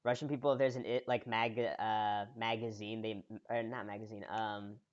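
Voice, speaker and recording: A man co-hosting a podcast in relaxed casual chat, filling his talk with "like" and "uh". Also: lowish voice, normal speed, highs cut off. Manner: relaxed, heavy use of "like" and "uh". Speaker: podcast co-host.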